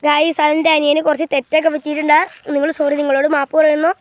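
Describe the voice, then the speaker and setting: A woman giving a casual walking-tour vlog outdoors by rural fields and a canal, filmed on an old phone while riding a bicycle. She talks haltingly, repeats herself and keeps saying "guys". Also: high-pitched, flat delivery. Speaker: vlogger. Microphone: old phone camera.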